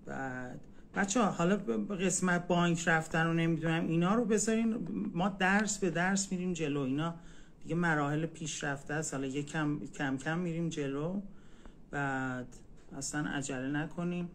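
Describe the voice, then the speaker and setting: A man's voice: a little high, a little hiss or hum. Man teaching a casual live lesson. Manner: patient, repeats words slowly. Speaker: language teacher.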